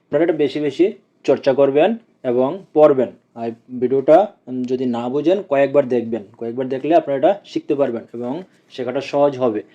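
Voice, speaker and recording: A man teaching a language lesson, slowly repeating each letter's sound several times. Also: medium pitch, warm tone. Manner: slow, drawn-out repetition of each letter's sound. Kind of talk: Korean lesson taught in Bengali. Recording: dull lo-fi home recording.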